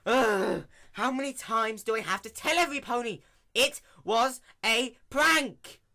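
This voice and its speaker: Storybook pony princess, played by a man: young, female, indignant schemer, hammy and theatrical, raised pitch, big swoops. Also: huge pitch swings, moderate pace, sharp tone, full character voice. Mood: indignant outburst. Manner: hammy, theatrical stage delivery. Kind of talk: dramatic reading of fan fiction.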